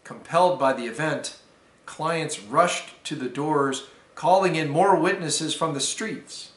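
A man, a deacon, reading a fable aloud to students in a careful, measured storytelling manner. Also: fairly high pitch, a bit bright. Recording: roomy echo.

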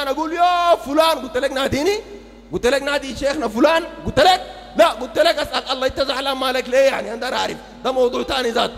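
A Sudanese man preaching at a rapid clip in a very high, gravelly voice. He is combative and mocking and keeps rising into loud outbursts, and a long reverb trails behind every phrase. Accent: Sudanese Arabic. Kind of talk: open-air sermon.

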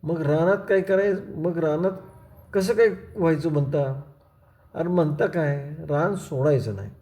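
Brief: a man playing an older villager, calm and teasing, rustic and unhurried, mellow tone. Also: a little high, close to an everyday voice.

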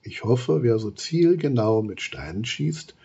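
A man reading aloud, voicing a worried female termite queen who talks anxiously, in a husky voice. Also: medium pitch, very animated, measured pace, mellow, highs cut off, full character voice. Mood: relieved. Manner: anxious, pleading.

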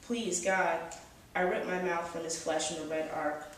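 Woman reading dark fiction, echoey cafe. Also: sits low, a little hiss or hum. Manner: steady, measured reading from the page. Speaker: author reading her fiction. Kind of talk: first-person dark fantasy reading. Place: small cafe with brick walls, indoors. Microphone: far camera, no close mic. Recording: very echoey cafe, mic far off.

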